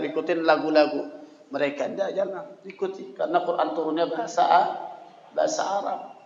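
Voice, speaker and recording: Brief: male religious teacher, high-pitched voice, conversational, often checks in with "ya", drifts into chanted verses, recorded in a big reverberant hall. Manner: reads Arabic lines then explains them, chants verses in between; conversational, with frequent "ya" checks to the audience. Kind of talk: study-circle teaching. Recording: echoey hall with long reverb, dull lo-fi sound.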